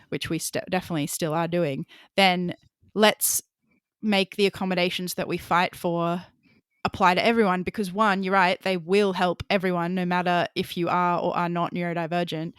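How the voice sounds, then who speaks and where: A woman's voice: on the low side, steady tone, moderate pace, clean tone, dry recording, clean studio sound. A woman hosting a podcast, talking passionately and openly and laughing often as she speaks. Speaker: podcast host. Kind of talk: podcast conversation.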